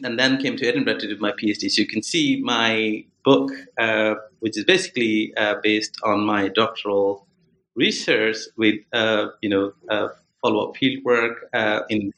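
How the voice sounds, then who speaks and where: A man's voice: lowish voice, a bit bright, reverberant, poor audio. A man from Nepal, an anthropologist guest on a podcast interview, who talks hesitantly with many fillers and restarts.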